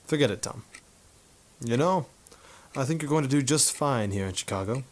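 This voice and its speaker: A man with a natural, mid-range voice, lively intonation and normal speed plays a cocky war photographer turned sleuth in a hard-boiled 1950s noir radio drama. His delivery is dry and wisecracking, with an easygoing, wry mood.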